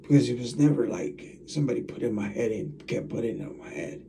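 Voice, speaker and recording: A man's voice: medium pitch, expressive, a little fast, vocal fry, distant mic, noisy background. A man talking casually to his viewers as a channel host, rambling and repeating himself as he talks straight at the camera. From United States. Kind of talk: casual vlog monologue.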